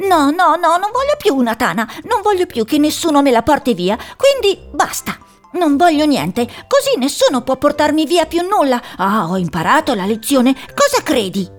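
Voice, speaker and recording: In a storybook, a woman voices a small, frightened male pet hedgehog. His voice is high and shrill, and it rises to shouting.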